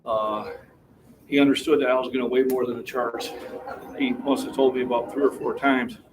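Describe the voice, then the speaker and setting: A chatty man in his sixties talks to his live chat from a gym floor, a bit winded between sets. His mid-pitched voice comes from a camera set back from him, with a faint hum of the room behind. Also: flat delivery, normal speed. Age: 60s. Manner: chatty, talks while catching his breath. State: slightly out of breath. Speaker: fitness livestream host. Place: gym, indoors. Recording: distant mic with faint room noise.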